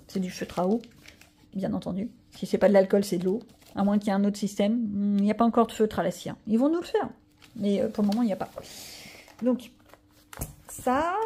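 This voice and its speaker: Lady rambling about her coloring pages, kinda high voice, lots of asides. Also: mellow, slightly rough. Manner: chatty, rambling, lots of filler and asides to viewers. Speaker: coloring vlogger. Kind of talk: casual chat showing coloring pages.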